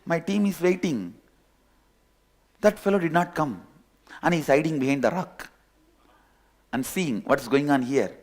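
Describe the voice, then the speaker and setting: Indian English spiritual teacher telling a parable. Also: male voice, on the high side, moderate pace, long pauses. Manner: animated storyteller, acting out characters. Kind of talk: storytelling sermon.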